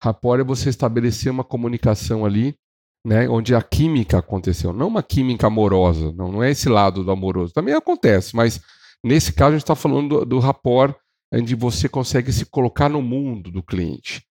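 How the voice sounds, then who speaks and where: A Brazilian man co-hosting a podcast, giving casual sales advice in an animated way, shifting his pace and acting out what clients say. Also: mid-range voice, a little fast. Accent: Brazilian Portuguese. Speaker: podcast co-host.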